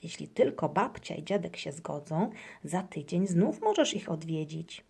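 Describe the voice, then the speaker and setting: A woman voicing a calm, reassuring mother in a children's storybook. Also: lowish voice, unhurried, creaky, husky, full character voice.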